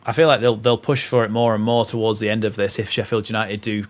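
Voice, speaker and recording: A young man with a northern English accent runs live football commentary and chat on a watchalong stream, speaking quickly in a low voice with little pitch movement. He mixes play-by-play with reading out viewer comments.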